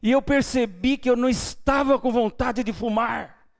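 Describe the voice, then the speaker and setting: A man preaching a sermon as pastor, with a Brazilian Portuguese accent, telling his testimony and swinging between hushed, quiet lines and loud, lively ones. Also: very high voice, normal speed, vocal fry. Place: church.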